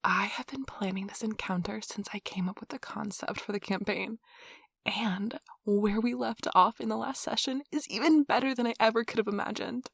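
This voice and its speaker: Playful and animated, a woman plays a nerdy, loving girlfriend in soft-spoken ASMR, rambling intimately about tabletop gaming in a gushing, giggly, chatty way. Her voice is soft, breathy and slightly husky, medium in pitch, steady in tone and moderately paced. A close mic keeps the recording dry.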